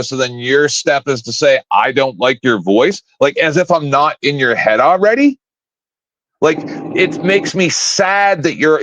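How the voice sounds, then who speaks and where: Speaking from home as a guest on a live-stream panel, a man in his fifties rants casually, bluntly and profanely, picking fights. His fairly high voice has a bit of brightness. Expect dull, lo-fi stream audio with a dry recording.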